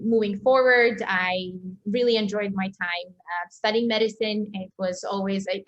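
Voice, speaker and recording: On a slightly muffled recording, a young Serbian woman of medium pitch talks casually about her background. An interview guest who works as a doctor and entrepreneur, she's chatty but hesitant, often hedging and self-correcting.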